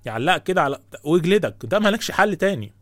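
An Egyptian man with a high voice delivers indignant religious commentary at a rapid clip. He scolds his listeners with rhetorical questions. The sound is dry and close. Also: very animated, no room sound. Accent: Egyptian Arabic. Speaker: host taking calls.

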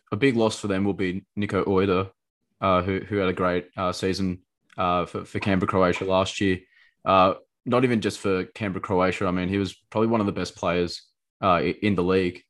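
A man's voice: deep voice, level tone, fairly quick. A man co-hosting a casual football podcast, hesitant, with many fillers, asking long questions. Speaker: podcast co-host.

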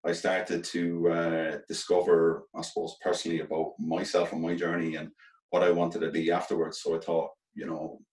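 Middle aged galway guy, west of ireland accent, low even voice, thinking out loud in an interview, bit echoey. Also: distant mic. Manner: earnest, halting, repeats phrases as they think aloud. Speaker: interview guest, former professional footballer turned coach. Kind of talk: reflective interview talk. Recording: echoey room, off from the mic.

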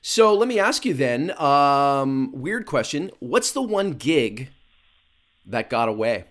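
Podcast host, casual chat, mid-pitched, upbeat, laughs easily. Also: male voice, sing-song, slow pace.

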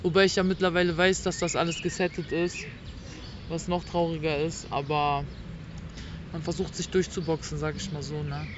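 A low-pitched woman from Berlin, Germany, a rapper appearing as an interview guest, chats casually with a flat delivery at a moderate pace. She's on a picnic blanket in a park, speaking slang laced with English words and tag questions, recorded dully outdoors with faint city noise.

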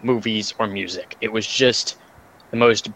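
A man's voice: fairly low pitch, fairly even intonation, measured pace, fairly bright tone, low-quality recording. A man co-hosting a podcast, talking in a dry, teasing and profane way. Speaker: podcast co-host. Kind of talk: casual chat.

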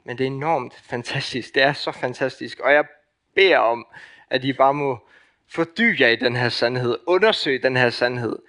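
A young man with a Danish accent preaching a sermon, passionate, with loud emphatic peaks that drop to hushed, intimate lines. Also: medium pitch.

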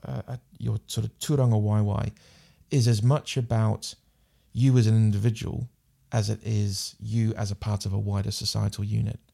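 A warm, creaky, rather low male voice with a New Zealand accent holds little pitch movement and a moderate pace with few pauses. He's a podcast guest in a casual interview chat, speaking thoughtfully but often restarting and repeating words.

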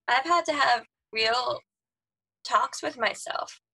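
Slow and bright, her voice carries vocal fry, a pushed quality and a breathy edge on low-quality audio. She is a pop singer and high soprano, a guest in casual chat who laughs a lot and lets sentences trail away.

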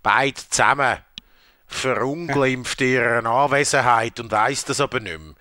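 This is a man with a Swiss German accent chatting casually as a podcast co-host, and his voice sounds bright and forceful. He jokes, rambles through his anecdotes and laughs loudly at them. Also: medium pitch, normal speed. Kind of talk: casual chat.

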